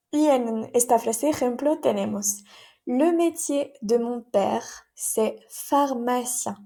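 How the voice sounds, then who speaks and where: A woman's voice: a little high, dark tone. A woman teaching vocabulary in a lesson, carefully modeling pronunciation and translating examples. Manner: slow, careful pronunciation drills. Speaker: French teacher. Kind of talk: language lesson.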